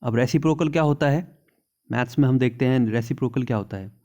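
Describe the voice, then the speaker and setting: A man teaching an English grammar lesson in Hindi. He reads the English examples slowly and keeps checking in with "theek hai na". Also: mid-range voice, mellow, muffled recording.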